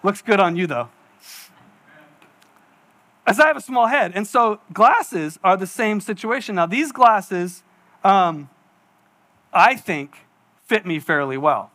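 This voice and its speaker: A man's voice: sits high, expressive, slow pace, long pauses, bright, forceful tone. A man in his forties preaching a sermon in a church, chatty and self-mocking, acting out little asides as he tells stories. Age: 40s. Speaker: pastor. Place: church hall.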